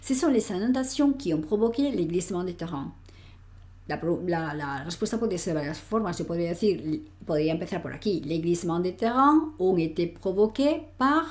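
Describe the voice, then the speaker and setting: A woman's voice: lowish voice, a little mellow. A woman teaching French grammar in Spanish, explaining patiently, reading French example sentences aloud and often checking in with the listener. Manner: patient, explanatory, frequent "¿vale?" check-ins. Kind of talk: online grammar lesson.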